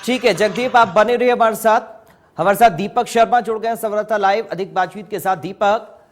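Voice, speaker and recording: A man anchoring a news broadcast, putting formal questions to field reporters. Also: sits high.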